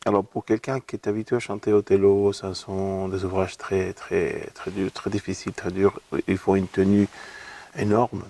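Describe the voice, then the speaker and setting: In a laid-back interview, a man with a gravelly, low voice and an Argentine Spanish accent appears as an opera singer guest. His tone is warm, his pace moderate, and his pitch barely moves. Heard through a distant mic, he comes across as thoughtful, repeating words while he searches for them.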